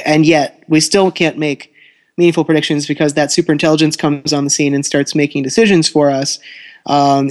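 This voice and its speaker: A man co-hosting a podcast in an articulate, explanatory, conversational way, recorded through a laptop. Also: a little high. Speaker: podcast co-host. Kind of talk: conversational discussion. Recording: thin laptop microphone sound.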